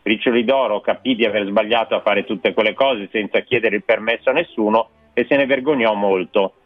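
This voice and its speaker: A man reading a children's fairy tale aloud on a radio show, in a slow, expressive storyteller's manner. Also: lowish voice, no room sound. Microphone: studio microphone. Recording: dry, tinny radio broadcast with faint music.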